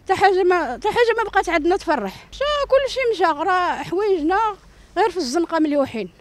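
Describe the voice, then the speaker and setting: In a street interview, an older woman with a Moroccan accent makes a distressed, repetitive plea into a handheld reporter microphone in an outdoor yard strewn with rubble. Her voice is very high and animated, and she talks rapid-fire. There is no echo.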